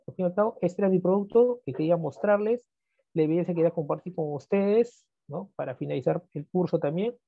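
Gravelly man teaching over a tinny line. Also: sits high, no room sound. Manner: chatty, asks students for agreement often. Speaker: computer maintenance teacher. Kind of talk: screen-share class walkthrough. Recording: phone-like narrow band.

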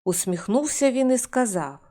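A woman reading a folk fairy tale aloud in a measured, expressive storytelling manner. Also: fairly high pitch.

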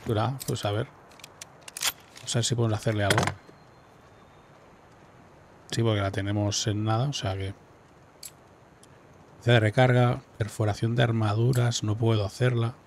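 A man giving relaxed, musing commentary while playing a game at home on a headset. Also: lowish voice, normal speed, pauses often, slight background noise. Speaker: gameplay streamer. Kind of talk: casual gameplay commentary.

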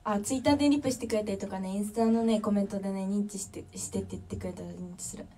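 A woman's voice: mid-range voice, fairly even intonation, fast, mellow, recorded from a distance. A young woman with a Kansai accent chatting casually on a livestream, reading viewer comments and thanking fans one by one. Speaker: drummer livestreamer.

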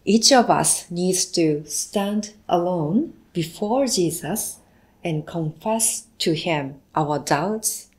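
A woman giving live English interpretation of a sermon, slow and measured, now and then correcting herself mid-phrase. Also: lowish voice. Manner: slow, measured delivery with occasional self-corrections.

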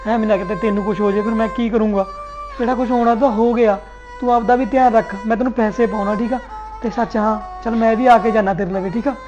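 A man's voice: high-pitched, fairly even intonation, fast, natural voice. A young man playing a fiancé who speaks in a soothing, protective way. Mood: reassuring. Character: young fiancé, caring and anxious. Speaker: groom-to-be. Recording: dull sound under loud music.

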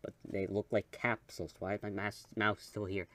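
A man giving rambling, self-deprecating commentary while playing a game, often trailing off softly. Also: lowish voice, little pitch movement, moderate pace, no room sound. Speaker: gaming channel host.

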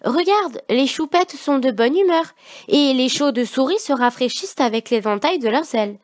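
A woman voicing an excited, bossy little girl in a children's story, with a high chirpy voice. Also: normal speed, no echo, clean studio sound.

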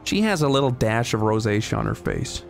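Animated man bantering over a game. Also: medium pitch, brisk, vocal fry, soft background music. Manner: teasing, sweary, mock-abusive. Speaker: let's play host. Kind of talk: casual gameplay banter.

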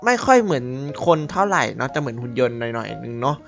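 A man's voice: mid-range voice, sing-song, fast, gravelly, lo-fi sound, soft background music. A man hosting a gaming channel, chatting casually while he plays, rambling, laughing and swearing now and then. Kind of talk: casual gameplay commentary.

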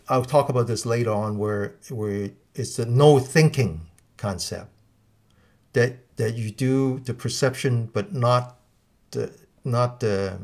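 Halting man explaining, many restarts. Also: medium pitch. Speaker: guest teacher. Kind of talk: live Q&A explanation.

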